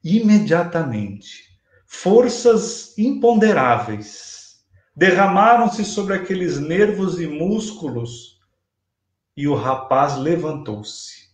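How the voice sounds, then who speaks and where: Heard through a desk webcam on a video call, a man in his fifties with a Brazilian Portuguese accent delivers a spiritist lecture from a small, echoey room at home. His voice is fairly high for a man and sing-song, and he moves at an unhurried, deliberate pace. He recounts the story with measured emphasis.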